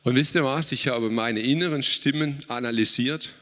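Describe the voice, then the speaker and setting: A man preaching a sermon at a church service, slow and emphatic, setting out words one by one. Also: mid-range voice, a bit bright, long reverb tail.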